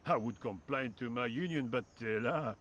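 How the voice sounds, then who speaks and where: A man plays a work-shy French painter in a point-and-click game. He speaks with a French accent in a dry, indifferent drawl at a middling pitch, with a faint hum of crickets behind. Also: moderate pace, a bit bright, muffled recording, lightly acted. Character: lazy sarcastic French workman painter. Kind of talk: video game voice acting.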